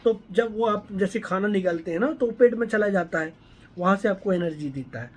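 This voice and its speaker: A man's voice: high voice, fairly quick. Man explaining a medical case. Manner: explanatory, keeps checking in with listeners. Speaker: homeopathy doctor. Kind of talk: explaining a patient case to students.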